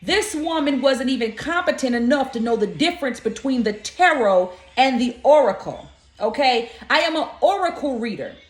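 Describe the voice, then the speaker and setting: A woman's voice: high-pitched, expressive, moderate pace. A young woman from Florida, an oracle card reader talking straight to her viewers, indignant and scolding, calling them y'all and honey. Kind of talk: spiritual video monologue. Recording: echoey room.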